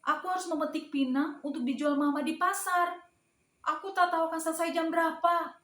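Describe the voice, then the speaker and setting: A woman's voice: very high-pitched, fairly even intonation, brisk, a bit bright. A woman voicing a dutiful young schoolgirl in a storybook read to small children, earnest, emphatic and childlike. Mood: earnest refusal. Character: dutiful young schoolgirl who helps her mother. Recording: roomy, echoing indoor sound.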